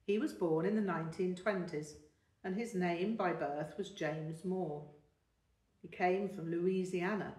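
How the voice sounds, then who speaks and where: A woman's voice: fairly low pitch, close to an everyday voice. A woman voicing a patient older male music mentor. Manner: measured, explanatory, gently encouraging. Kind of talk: audiobook character voice. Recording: roomy, distant mic.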